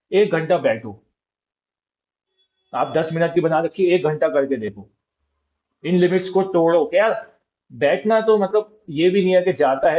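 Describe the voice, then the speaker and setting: A man's voice: fairly high pitch, a little mellow, dull audio. A man giving an informal motivational talk, coaching his listeners and checking in with them as he goes. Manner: informal, coaching, asks "ठीक है?" often. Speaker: motivational speaker.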